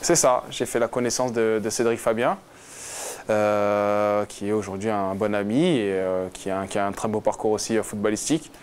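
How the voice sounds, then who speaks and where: A football player in his twenties appears as a guest, his fairly low voice smooth and steady at a normal speed. He responds to the interviewer casually and hesitantly, with frequent fillers and restarts.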